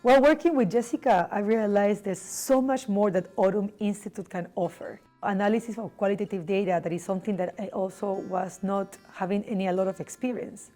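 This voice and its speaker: A woman's voice: mid-range voice, steady tone, brisk, few pauses, mellow. A middle-aged woman from Peru with a Peruvian Spanish accent, a neurology professor speaking earnestly in an interview, with small grammar slips. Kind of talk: interview monologue. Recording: faint music underneath.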